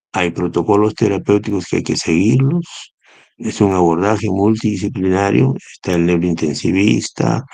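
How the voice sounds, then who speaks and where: A man's voice: on the low side, gravelly, darkish tone, breathy edge, no room sound. A man giving a recorded neurosurgery lecture, explaining step by step and often checking in with his students. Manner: explanatory, spells out acronyms, asks rhetorical "¿no?".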